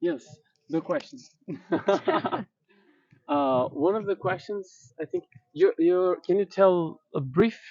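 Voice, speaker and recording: Halting man asking questions from off-mic. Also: sits high, lively intonation, a little mellow, no echo. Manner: halting, searching for words. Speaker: interviewer, school founder. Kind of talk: casual interview questions. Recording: distant, muffled mic.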